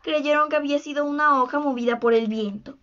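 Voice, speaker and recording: A woman reading a children's book aloud as a storyteller, slow and expressive. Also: high voice, highs cut off.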